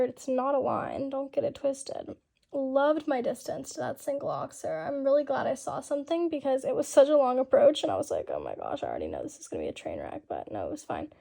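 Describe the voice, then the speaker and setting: A woman's voice: sits high, vocal fry, mellow. A young woman casually narrating a voiceover of her horse show rounds, chatty and filler-heavy, saying "like" constantly. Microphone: home-recorded voiceover.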